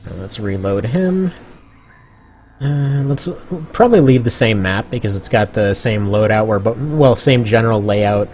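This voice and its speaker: A man's voice: fairly low pitch, normal speed, darkish tone, slight background noise. A man giving chatty, casual commentary on a game stream, laughing often.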